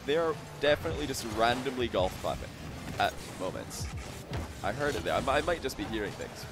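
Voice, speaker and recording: A man's voice: medium pitch, lively intonation, fairly quick. Playful male esports caster, game music. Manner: playful, joking, laughs often. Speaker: esports commentator. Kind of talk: live game commentary.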